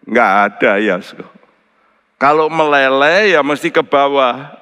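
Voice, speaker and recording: A male pastor preaching in an earnest tone. He keeps turning to the congregation as brothers and sisters. His voice climbs sharply on key words and sinks low and soft on grave ones. The sound carries a long hall reverb. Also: slow, smooth. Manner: pitch jumps high for emphasis, drops low and quiet for solemn points. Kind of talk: sermon.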